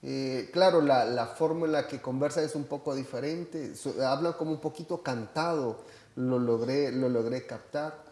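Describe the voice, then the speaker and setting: A Salvadoran man, a church member, casually chats about a church trip in a mid-range, darkish voice at normal speed. He sounds hesitant, with lots of fillers and restarts, and the recording has a roomy sound.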